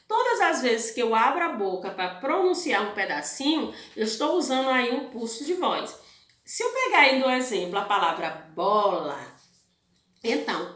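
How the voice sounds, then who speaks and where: A woman's voice: fairly high pitch, fairly bright tone, echoey room. A woman teacher with a Brazilian Portuguese accent explaining a class to young pupils, asking questions and answering them herself. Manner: patient explaining, rhetorical questions, frequent "né?". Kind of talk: online class lesson.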